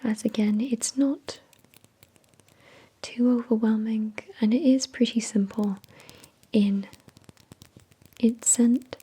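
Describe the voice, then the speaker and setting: A woman hosting an ASMR product review in a soft, breathy whisper, with an unhurried, measured delivery. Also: fairly high pitch, steady tone. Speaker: ASMR video host.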